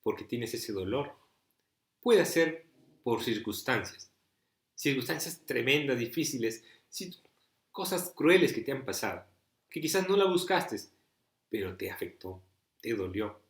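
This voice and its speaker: A man's voice: medium pitch, big pitch swings, measured pace, long pauses. Man preaching a sermon in an echoey room. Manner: rhetorical questions, pleading and emphatic.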